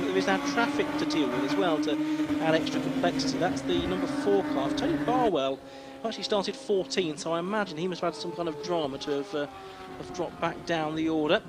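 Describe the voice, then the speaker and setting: A man working as a motorsport commentator, calling a race live with descriptive play-by-play. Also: fairly high pitch. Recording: noisy trackside outdoor sound, engines behind.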